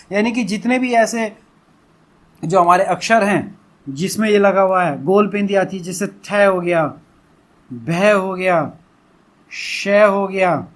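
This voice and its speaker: A young adult man teaching a Hindi lesson, explaining patiently and drawing out syllables to show pronunciation. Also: high-pitched. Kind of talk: classroom-style lesson explanation.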